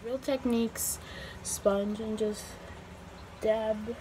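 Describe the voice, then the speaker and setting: A woman giving a casual, chatty makeup tutorial, her voice slightly hoarse as it recovers from being lost. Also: on the high side, fairly even intonation, extremely slow, noisy background. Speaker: beauty vlogger.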